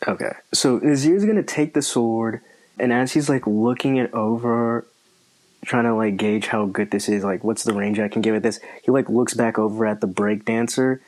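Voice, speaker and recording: A man's voice: mid-range voice, moderate pace, a little mellow. A man playing a tabletop game, describing his character's actions loosely with lots of fillers. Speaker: player. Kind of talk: casual game chat.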